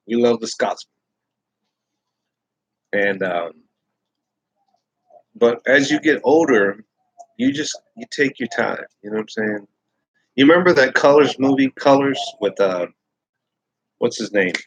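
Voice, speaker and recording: A man's voice: medium pitch, breathy edge, dry recording, muffled recording. A man in his thirties hosting a casual live chat, rambling and swearing freely. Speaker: host.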